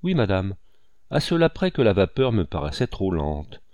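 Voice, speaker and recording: A man's voice: low voice, very animated, normal speed, a little mellow, no echo. A man reading an audiobook and voicing an impulsive, effusive old colonel with emphatic exclamations.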